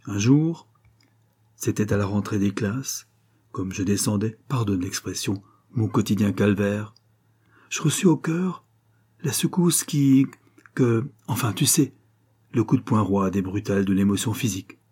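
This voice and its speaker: Low husky man reading a story out loud, dramatic and expressive, mellow dark tone. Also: a little slow. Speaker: narrator. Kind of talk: scripted audiobook narration.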